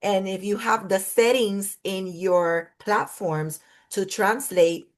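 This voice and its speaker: In an interview conversation over a video call, a clinical psychologist whose first language is Spanish speaks slowly and thoughtfully in careful, list-like phrasing. Her voice is medium-pitched with fairly even intonation.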